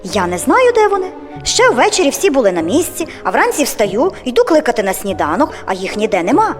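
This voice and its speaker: A woman's voice: fairly high pitch, big pitch swings, fast talker, a little mellow, soft background music. A woman voicing an anxious elf mother in an audio fairy tale, speaking in a worried, fretful way.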